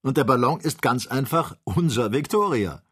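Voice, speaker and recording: Calm, learned doctor , husky male reader, audiobook, steady explanations. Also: mid-range voice, normal speed, pitched above the performer's own voice. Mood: explaining.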